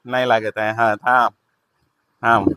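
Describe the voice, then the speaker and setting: A man's voice: medium pitch, level tone, measured pace, sharp tone, smooth, dry recording. A man with a Marathi accent hosting a casual family vlog, chatty, coaxing and playful. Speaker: vlog host.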